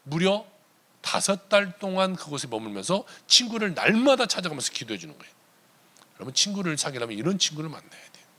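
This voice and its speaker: Man, pastor preaching, storytelling, animated pitch, slightly high voice. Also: fast talker, slightly rough. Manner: storytelling preacher, emphatic with sudden drops to quiet. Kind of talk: sermon.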